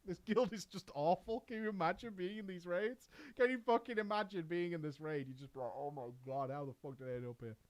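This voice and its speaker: With a high voice and brisk delivery that leaves few pauses, a streamer reads out a viewer's story and mocks it sarcastically, cursing and laughing a lot.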